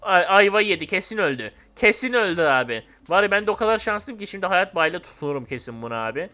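A young man gives excitable commentary while he plays, joking and calling out to his viewers. His voice is bright and sharp, and his pitch leaps up and down a lot. He swings from playful grumbling to sudden loud surprise. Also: fast. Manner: excitable, jumpy, joking, talks to friends and viewers. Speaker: gaming YouTuber. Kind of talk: casual gameplay commentary.

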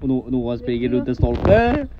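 A man doing playful game commentary, his pitch jumping up and down as he talks. He narrates each move and voices the character's thoughts in quick, jokey asides. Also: very animated, lo-fi sound, over music. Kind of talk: playful Let's Play commentary.

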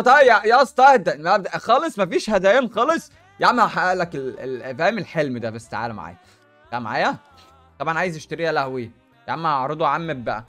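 A young man with an Egyptian Arabic accent rattles off gameplay commentary at a rapid clip, high-pitched and hyped. He talks in animated, slang-heavy bursts, with faint music running beneath him. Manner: animated, rapid, hype-filled street slang. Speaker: gaming YouTuber.

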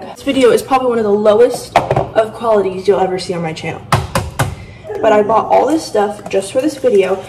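A woman's voice: mid-range voice, darkish tone, recorded from a distance, slight background noise. Chatty teen girl in an echoey kitchen. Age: teens. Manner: chatty, self-mocking, rambling. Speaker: vlogger. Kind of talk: casual baking vlog. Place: home kitchen, indoors. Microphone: phone camera at a distance. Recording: roomy kitchen, off-mic, music.

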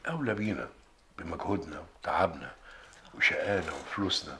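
A man's voice: low voice, brisk. An actor playing an older husband who chats fondly with his wife, with an Egyptian accent. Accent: Egyptian Arabic. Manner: chatty, lively, nostalgic.

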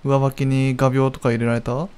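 A man chatting casually while gaming, excitable and given to loud panicked cries. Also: medium pitch, moderate pace, smooth. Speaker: gaming video host playing with a friend. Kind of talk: casual chat while playing a horror game.

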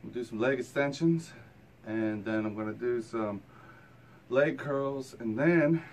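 An American vlogger in his thirties chats casually to his camera, held at arm's length on a phone or camera, in a blunt, colloquial, grumbling way. His medium-pitched voice keeps a measured pace with slight background noise. The setting moves from a home gym to a kitchen, then a moving car.

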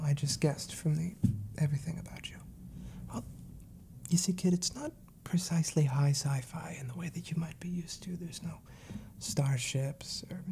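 A man's voice: on the high side, vocal fry, darkish tone, slight background noise. A man in his twenties playing a fussy, exasperated, wordy librarian scolding a child in a whispered role-play. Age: 20s. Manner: prim, wry, wordy.

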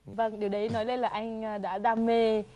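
A woman hosting a TV interview, asking quick, prompting questions. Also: on the high side, flat delivery, warm tone. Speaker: TV talk show host.

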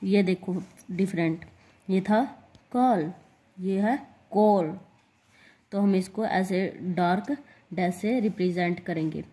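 Slow, mellow-voiced woman teaching shorthand. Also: on the low side, steady tone, husky. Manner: spells out letters and repeats example words. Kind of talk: slow step-by-step lesson.

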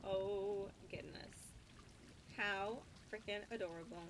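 A woman's voice: mid-range voice, steady tone, takes it slowly, background noise. A woman playing a video game, gushing, gasping and exclaiming with delight as she comments. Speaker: gaming video host. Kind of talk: let's play commentary.

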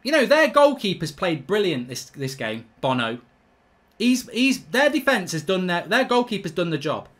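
A middle-aged man, reacting live to a football match, ranting, swearing and shouting in exasperation. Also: high voice, sing-song, moderate pace. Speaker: football fan channel host.

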